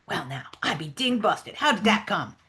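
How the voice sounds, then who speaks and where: A woman's voice: medium pitch, big pitch swings, normal speed, bright, forceful tone. Woman reading a stubborn man in dialect. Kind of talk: reading aloud a novel dialogue.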